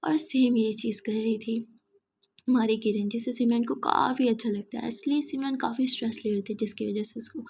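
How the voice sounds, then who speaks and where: A woman storyteller narrates a romance softly, often dropping into a whisper. Her voice is high and breathy, with a dark, mellow tone. The delivery stays hushed and intimate. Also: steady tone, normal speed.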